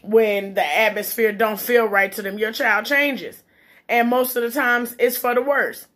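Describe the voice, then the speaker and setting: A woman's voice: fairly high pitch, fairly even intonation, a little slow, a bit bright. A woman talking casually and bluntly in an opinionated, emphatic monologue, swearing freely and eating as she talks, her mouth sometimes full. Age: adult, parent. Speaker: vlogger giving relationship and parenting opinions. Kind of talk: casual chit-chat monologue.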